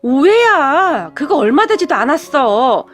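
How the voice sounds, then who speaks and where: A woman's voice: high voice, sing-song, a bit bright, full character voice. A woman doing a pleading, destitute birth mother. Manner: pleading, slow and drawn out.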